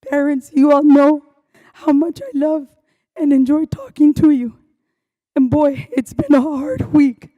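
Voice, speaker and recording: A woman school principal with a hoarse, strained voice gives an earnest, heartfelt welcoming address to students and families at a ceremony. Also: high voice, dark tone, lo-fi sound. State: hoarse, losing her voice. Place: school event venue, indoors.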